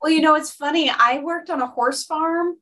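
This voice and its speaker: Chatty laughing woman, bright distant voice. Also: sits high, moderate pace. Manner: chatty storyteller, laughs often. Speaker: podcast host. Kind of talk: casual conversational interview.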